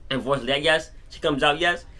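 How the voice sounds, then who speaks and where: A man with a slightly high voice speaks briskly in an unscripted, laid-back film review, getting excited, rambling, and often repeating words while retelling scenes.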